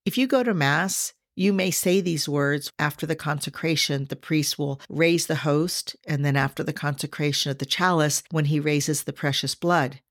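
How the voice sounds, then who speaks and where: A woman hosting a devotional podcast, speaking earnestly to listeners and slowing down to stress scripture. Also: low voice, no echo, studio quality. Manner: addresses listeners directly. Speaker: podcast host.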